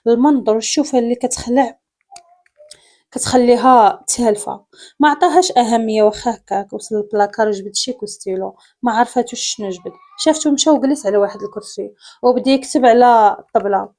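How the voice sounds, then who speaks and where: Female storyteller, Moroccan accent, pitched a little high, steady dramatic read. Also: fast. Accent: Moroccan Arabic. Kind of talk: story narration.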